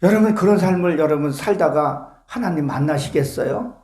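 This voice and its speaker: Fervent preaching pastor, echoey church. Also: male voice, a little high, moderate pace, a little mellow. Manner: fervent preaching with rhetorical questions to the congregation. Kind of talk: sermon. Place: church sanctuary with congregation.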